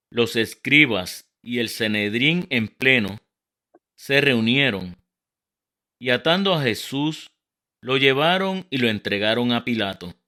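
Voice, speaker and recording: A man with a Puerto Rican accent, reading the Passion Gospel aloud as lector in a slow, measured, solemn manner. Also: mid-range voice, bright, forceful tone. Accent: Puerto Rican Spanish. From Puerto Rico.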